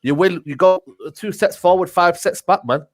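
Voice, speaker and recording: A man's voice: sits high, moderate pace. A man giving a casual football fan rant, repeatedly tagging his points with filler phrases. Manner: repeats tag phrases like a refrain. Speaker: football show panelist.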